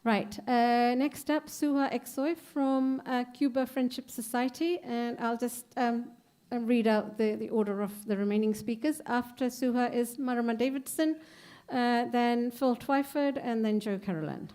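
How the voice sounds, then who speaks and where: A woman's voice: on the high side, normal speed, mellow, clear, resonant tone. A woman hosts an event informally, introducing speakers in a polite, somewhat hesitant way.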